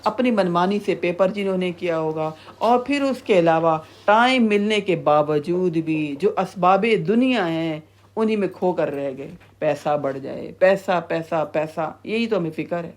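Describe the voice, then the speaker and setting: A woman teaching a Quran tafseer lesson. She talks animatedly, repeats phrases for emphasis and rises to a high scolding pitch when she quotes warnings. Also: a little mellow.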